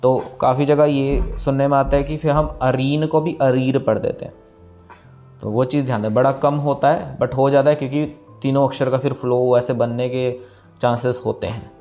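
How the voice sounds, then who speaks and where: A man teaching scripture pronunciation, reciting lines slowly and breaking words down syllable by syllable. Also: mid-range voice, level tone, dark tone. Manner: slow, careful, repeats lines syllable by syllable. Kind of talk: step-by-step recitation lesson. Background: faint instrumental music.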